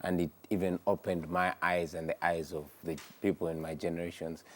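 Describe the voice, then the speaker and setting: A man's voice: low voice, level tone, fairly quick. A man from Uganda, a musician guest speaking earnestly in a TV morning show interview. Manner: earnest, speaks in sweeping statements. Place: TV studio.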